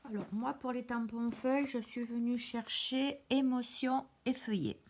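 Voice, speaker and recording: A craft teacher chats her way through a card-making tutorial at her table, going step by step and occasionally restarting. Her fairly high, slightly mellow voice stays fairly even and unhurried.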